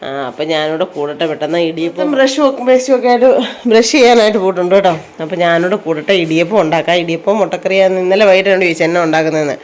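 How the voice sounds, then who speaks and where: Quick-talking Idukki Malayalam woman vlogger. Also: lowish voice, darkish tone. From Kerala. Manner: chatty, tags sentences with "you know". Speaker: home vlogger. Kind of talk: casual chat while doing chores. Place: home and yard.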